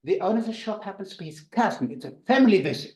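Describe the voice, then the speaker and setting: A man with a German accent, a doctor telling anecdotes to an audience in a halting way with dry humor. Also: sits high, lively intonation, a little mellow, roomy sound, low-quality recording. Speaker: missionary doctor giving a talk. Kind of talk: storytelling talk to an audience.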